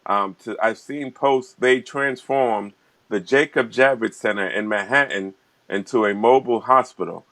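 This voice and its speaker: A man's voice: mid-range voice, normal speed, fairly bright tone. Earnest man co-hosting an online talk show. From New York. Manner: earnest, emphatic agreeing.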